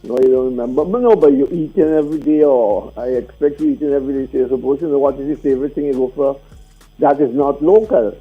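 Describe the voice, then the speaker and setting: A man's voice: mid-range voice, quick pace, breathy edge. A man with a Vincentian accent calling in to radio, chatting casually in a rambling, teasing way full of questions. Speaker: radio phone-in caller. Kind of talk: casual opinionated chat. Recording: muffled radio phone-in with music.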